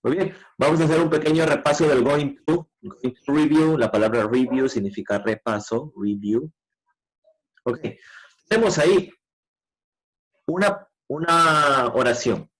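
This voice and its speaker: A man teaching a grade-school English lesson, patiently explaining grammar and modeling English sentences slowly. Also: fairly high pitch, fairly bright tone, husky, rough recording. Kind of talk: online class explanation.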